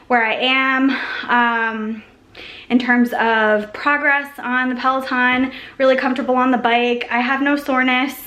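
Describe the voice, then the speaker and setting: A slightly high-voiced woman talks to her handheld camera in a chatty, upbeat vlog. She sounds winded after her exercise, and her voice rings in an echoey room. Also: fairly bright tone. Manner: chatty and upbeat, with many likes and ums. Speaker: vlogger. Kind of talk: casual vlog talk to camera.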